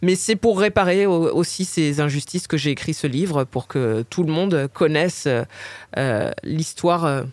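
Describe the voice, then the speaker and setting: Woman, forties, Paris suburban accent, halting with fillers, dry close sound. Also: low voice, a little mellow, no room sound. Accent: Paris suburban French. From Paris suburbs, France. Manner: hesitant, many fillers and restarts. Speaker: author and interviewee. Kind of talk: interview answers.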